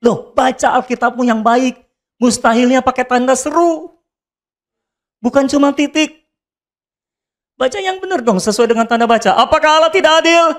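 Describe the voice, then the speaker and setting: A male pastor preaching a sermon, asking the congregation rhetorical questions and swinging between quiet talk and shouted answers. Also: very high-pitched, moderate pace, long pauses.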